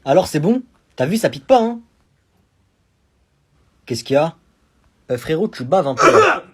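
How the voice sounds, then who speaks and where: A man voicing a strict mother who loudly scolds her son. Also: a little high, huge pitch swings, drawn-out words, breathy edge, full character voice. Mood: scolding. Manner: loud, scolding.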